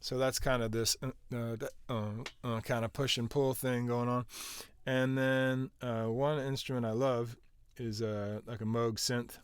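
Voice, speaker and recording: A man's voice: medium pitch, level tone, measured pace, hardly any pauses, clean tone, dry recording, soft background music. A man casually walking through how he produced a song, rambling with lots of filler words and restarts. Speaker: music producer.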